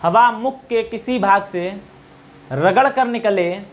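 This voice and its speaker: A male teacher giving an exam-prep grammar lesson, quizzing students, repeating answers and slowly demonstrating sounds. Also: high-pitched. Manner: quizzing, repeats answers, asks "okay?" often. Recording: dull lo-fi recording.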